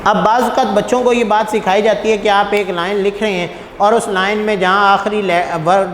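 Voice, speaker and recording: A man's voice: high-pitched, steady tone, a little fast. Male teacher in echoey room. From Pakistan. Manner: patient, poses rhetorical questions, calls students "beta". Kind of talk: classroom lecture. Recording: echoey room with long reverb, faint noise.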